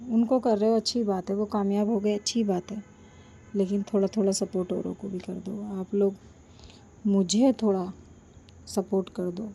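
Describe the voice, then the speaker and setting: A woman vlogger with a sore throat, talking slowly and softly to her viewers and pleading for their support, recorded without a microphone. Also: mid-range voice, creaky, a little hiss or hum. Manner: slow, soft-spoken, pleading. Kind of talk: casual chat to viewers. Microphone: no microphone, built-in device mic.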